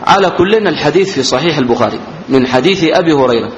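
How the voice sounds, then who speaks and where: A man from Yemen delivers a classical text-commentary lesson at a careful, measured pace, repeating key words so students can follow. His fairly high voice rings through a roomy hall. The recording sounds dull and lo-fi, with faint background noise. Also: expressive. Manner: slow, deliberate, repeats words for students to note; raises his voice when reading the quoted text. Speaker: religious teacher.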